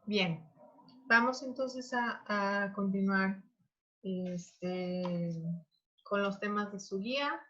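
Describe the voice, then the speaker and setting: A woman teacher giving an online class, talking slowly with many pauses and fillers. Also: medium pitch, fairly bright tone, dull audio. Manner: slow, hesitant with many fillers.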